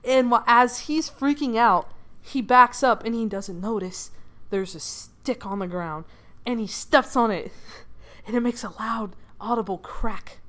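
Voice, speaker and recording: A woman's voice: medium pitch, unhurried, pushed and bright. A woman casually telling a dream story while she doodles, rambling with many fillers, giggles and swears. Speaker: channel creator.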